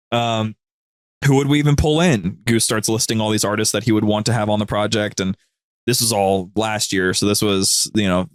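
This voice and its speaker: Clean, dry studio audio captures this podcast guest's fairly low voice. He rambles through anecdotes in a slangy, informal, casual chat.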